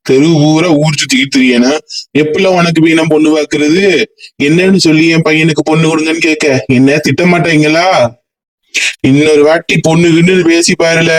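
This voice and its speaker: A man's voice: fairly high pitch, lightly acted, poor audio. A man voicing a stern, blunt old male pepper uncle in a cartoon. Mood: scolding. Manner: scolding, blunt, lecturing. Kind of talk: cartoon voice acting.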